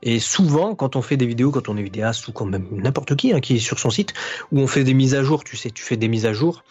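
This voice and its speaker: On a casual podcast, this man, a guest YouTuber focused on anime analysis, talks fast and animatedly in a mid-range, darkish voice with a breathy edge. He goes on at length with many fillers and restarts, and the lo-fi recording sounds dull.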